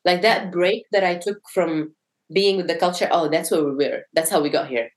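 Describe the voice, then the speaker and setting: Podcast guest: young woman from Syria, reflective, halting, lowish voice. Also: fairly even intonation. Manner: reflective, searching for words with many restarts. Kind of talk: casual conversation.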